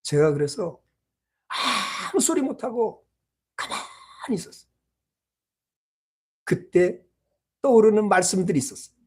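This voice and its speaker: Pastor, sermon, husky, mid-pitched, storytelling, loud cries and hushed asides. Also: very animated, measured pace, pauses often. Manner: storytelling preaching, swinging between loud exclamations and hushed asides. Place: small church.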